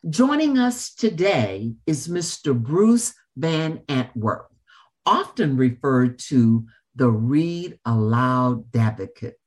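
A woman hosting an interview in a formal, measured and emphatic manner, with deliberate phrasing. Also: a bass voice, sing-song, a little mellow. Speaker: show host and interviewer. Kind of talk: formal scripted introduction and interview.

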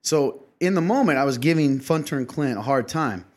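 A man's voice: mid-range voice, lively intonation, moderate pace. A young man co-hosting a podcast in casual chat, teasing and often laughing. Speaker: podcast co-host.

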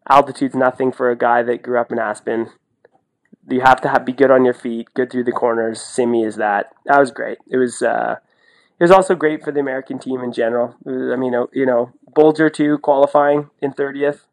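A former athlete who now co-hosts a sports podcast and commentates speaks fairly quickly in a steady, medium-pitched voice. He chats casually, talkative and colloquial, and often repeats himself for emphasis.

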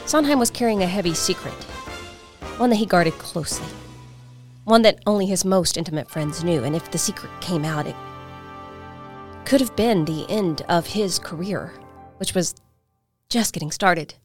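Woman narrating a history podcast. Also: fairly low pitch. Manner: dramatic storytelling. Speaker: podcast host. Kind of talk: scripted narration.

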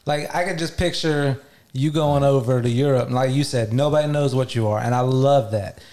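A man's voice: medium pitch, normal speed, darkish tone. A middle-aged man hosting a podcast, asking questions and dropping jokes in easy conversation. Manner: curious, asks questions, jokes.

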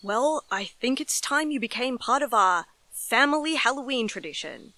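Woman voicing an eager, forceful hunting dad. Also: on the high side, lively intonation, normal speed, no room sound, pitched above the performer's own voice. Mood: hearty coaxing. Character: eager, dismissive father coaxing his son to hunt. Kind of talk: acted dialogue in a horror storybook reading.

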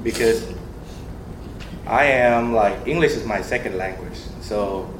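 A young man from Thailand with a lowish voice shares personal experiences in a group discussion at a measured pace. He's earnest and animated, laughs often and uses many fillers. The room has a noticeable echo and the background is noisy, with clear ambient sound.

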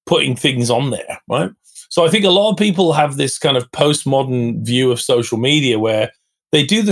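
A man's voice: a little high, gravelly, breathy edge. A middle-aged man talking as a podcast guest, blunt and fired-up, swearing freely as he makes his points. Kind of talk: candid interview talk.

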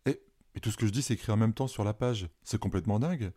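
Male narrator doing a cheeky, laughing boy in a storybook, low and mellow. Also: fast, slightly rough. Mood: excited. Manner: mocking, laughing. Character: excitable joking boy cousin.

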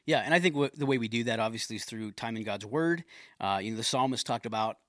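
A middle-aged man co-hosts a casual faith podcast, speaking earnestly, quoting scripture, and affirming often. He talks fast in a mid-range, slightly bright voice, recorded with clean studio sound and no echo.

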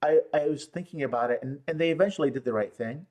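A man's voice: a little high, a little mellow. A man who runs a law firm, telling stories in an interview, with lots of restarts and fillers. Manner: halting, many restarts and fillers. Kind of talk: conversational storytelling. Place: San Luis Obispo area.

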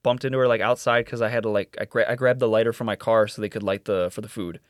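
A man's voice: lowish voice, fast, no room sound, studio quality. A young man co-hosting a podcast, telling party stories in casual chat and acting out what others said. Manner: animated storyteller, acts out quotes. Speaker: podcast co-host.

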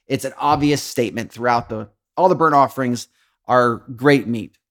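A man at an easy middle pitch talks through scripture like he's chatting with friends. He drops casual slang, laughs a lot, and throws himself into the voices of the people he quotes. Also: moderate pace, a bit bright. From Texas. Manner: laid-back slangy talk, laughs often, acts out quoted lines. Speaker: podcast host. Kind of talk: casual devotional Bible talk.

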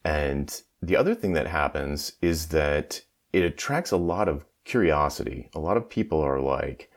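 A man's voice: extremely low pitch, normal speed. A man hosting a podcast in casual, informal talk, often acting out quotes, sounding like he is talking through a tin can on the wrong microphone. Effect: tinny tin-can sound from wrong microphone. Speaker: podcast host.

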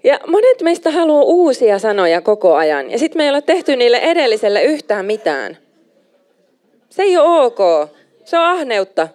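A young adult woman preaching a sermon, emphatic and animated, slipping in English phrases now and then. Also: fairly high pitch.

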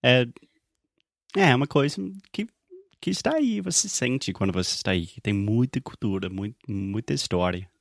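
A man's voice: mid-range voice, very animated, normal speed, vocal fry, no room sound, clean studio sound. A man co-hosting a podcast in casual conversation, often hesitating as he searches for words. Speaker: podcast co-host.

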